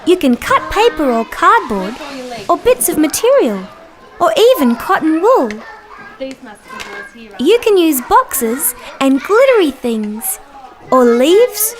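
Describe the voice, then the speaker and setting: Dorothy the Dinosaur, very high and bouncy. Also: female voice, exaggerated voice. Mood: cheerful, instructive. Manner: sing-song, slow, simple, wonder-filled explaining to small children. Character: cheerful young female dinosaur, gentle children's presenter. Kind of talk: children's show scripted narration.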